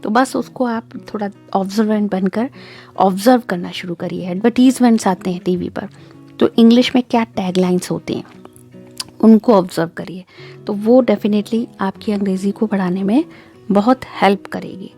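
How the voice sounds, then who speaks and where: A woman's voice: medium pitch, warm tone, soft background music. Woman teaching English pronunciation. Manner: explanatory, demonstrates pronunciation slowly. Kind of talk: spoken lesson mixing Hindi and English.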